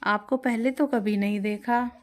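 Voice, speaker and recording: A woman's voice: a little high, fairly even intonation, a little slow, close to an everyday voice. A woman voicing a determined young street vendor. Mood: earnest. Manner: earnest, pleading. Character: struggling young chaat seller woman, determined.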